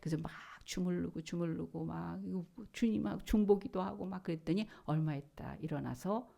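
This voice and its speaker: A middle-aged woman pastor delivers a sermon in a lowish, mellow voice. She tells her story with drama, crying out quoted lines and then sinking to a hushed whisper. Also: a little fast, creaky. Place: church.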